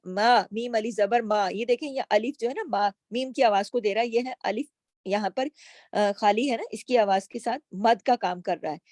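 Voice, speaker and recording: A woman's voice: fairly high pitch, darkish tone, no echo, studio quality. A woman teaching tajweed, patiently explaining each letter and asking herself questions as she goes. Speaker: Quran recitation teacher. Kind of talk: slow tajweed lesson with recited words.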